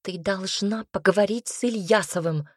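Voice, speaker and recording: A blunt, outspoken young woman friend, as a woman narrator puts her on in an audiobook, scolding in a sharp, mocking manner. Her voice is husky, a little higher and louder than the reader's own, with a dry close sound. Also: moderate pace, no echo, close to an everyday voice.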